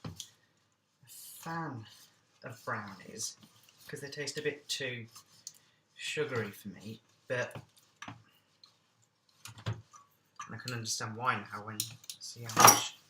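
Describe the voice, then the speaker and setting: A man's voice: mid-range voice, slow, pauses often, reverberant, background noise. A man hosting a casual cooking vlog, chatting along with jokey, self-deprecating asides.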